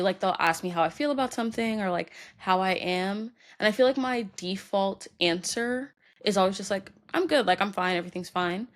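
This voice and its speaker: A young woman hosting a solo podcast, talking about her feelings in a halting way with many fillers, tearful and crying at times. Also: medium pitch. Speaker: podcast host. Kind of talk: personal solo podcast talk.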